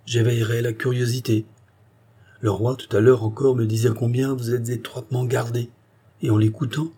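A man voicing a courteous, restrained noble officer in an audiobook, speaking in a measured way. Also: fairly low pitch, dark tone, husky. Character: dutiful young nobleman officer, restrained and tactful.

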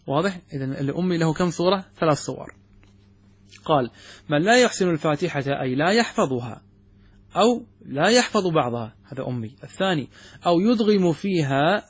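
A man teaching religious law, explaining a text step by step and often asking his students whether it is clear. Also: fairly high pitch, no room sound. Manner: poses questions then answers them. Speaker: sheikh teaching Islamic jurisprudence. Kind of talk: classroom commentary on a text.

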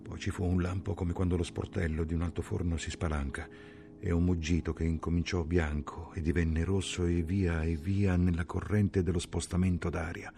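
A man reading a novel aloud as an audiobook, in a measured, slow and grave dramatic narration. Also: sits low, level tone, gravelly. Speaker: audiobook reader.

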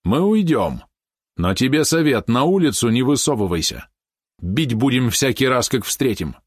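A man's voice: medium pitch, very animated, moderate pace, slightly rough, no echo, studio quality, pitched above the performer's own voice. A man reading aloud, voicing a tall, menacing village boy who hurls accusations. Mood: shouting. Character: tall bullying village boy, angry and threatening.

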